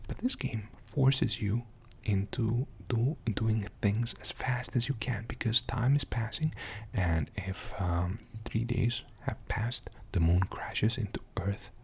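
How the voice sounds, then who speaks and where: Low gravelly male ASMR whisperer. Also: slow pace. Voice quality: mostly unvoiced whisper. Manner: soft, rambling, with many fillers. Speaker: ASMR video host. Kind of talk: whispered ASMR game show-and-tell.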